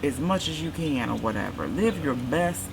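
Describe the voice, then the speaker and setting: A woman co-hosting a casual chat, calmly offering life advice. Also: very deep voice, normal speed, vocal fry, music in the background. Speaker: co-host. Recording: noisy background.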